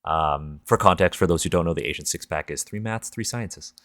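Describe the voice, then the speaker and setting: Speaking fairly quickly in a deep, slightly bright voice, a man from Toronto with a Canadian accent hosts a podcast. His chat is casual, candid, informal and reflective, captured as clean studio sound with no room sound.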